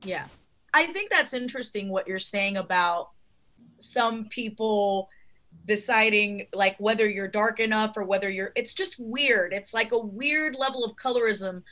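A woman born in Cuba, hosting a casual interview, chatty and quick to laugh, acting out what people say to her. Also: medium pitch, sharp tone. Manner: chatty, laughs often, acts out quotes. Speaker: podcast host.

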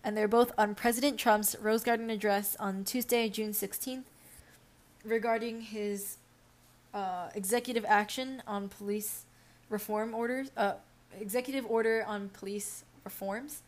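A young woman in the host's chair, reading news articles aloud at an even, mid-range pitch. She moves between steady read-aloud passages and loose, unscripted asides full of little fillers. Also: a little slow. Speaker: podcast host.

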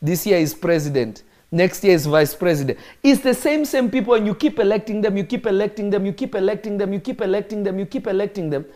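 A man's voice: high-pitched, fast, hardly any pauses, dark tone. A man, preaching to people watching online and driving points home by repeating phrases. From Kenya. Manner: emphatic, repeats phrases for effect. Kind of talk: live-streamed sermon teaching.

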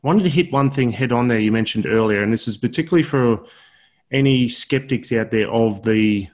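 A man's voice: mid-range voice, brisk, darkish tone. A man hosting a conversational podcast interview, speaking earnestly in wordy, hesitant phrasing. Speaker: podcast host interviewing a guest.

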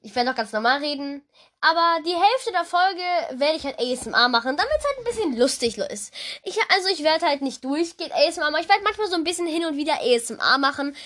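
Teen girl podcaster, high voice, rambling, giggly, excitable chat. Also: fast talker. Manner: rambling, giggly, excitable, keeps saying "Leute". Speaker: podcast host. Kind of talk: casual solo podcast chat. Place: home recording chair.

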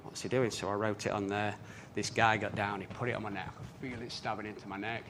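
A man's voice: on the low side, level tone, quick pace, fairly bright tone, a little hiss or hum. A man, telling a personal story in an earnest way. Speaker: speaker.

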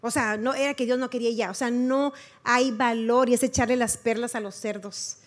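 Female preacher, high-pitched, earnest and chatty, repeats for emphasis. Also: fairly even intonation, brisk. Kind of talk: testimony sermon.

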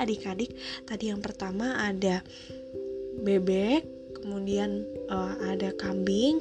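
A woman hosting a bedtime story podcast for children, talking to them in a bright sing-song manner. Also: medium pitch. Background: music.

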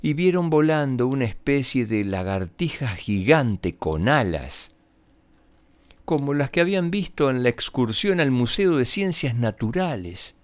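A man's voice: medium pitch, big pitch swings, measured pace. A man hosting a children's story programme, speaking expressively to young listeners as he reads scripted tales. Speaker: children's storyteller and show host. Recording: roomy echo, music behind.

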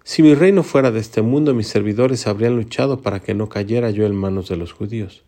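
A man reading as Jesus, a calm prisoner. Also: on the low side, fairly quick, close to an everyday voice. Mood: solemn.

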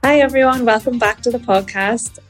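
A woman's voice: fairly high pitch, brisk, faint music behind. Northern Irish young woman asking questions. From Belfast, Northern Ireland. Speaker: volunteer interviewer. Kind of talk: podcast interview questions.

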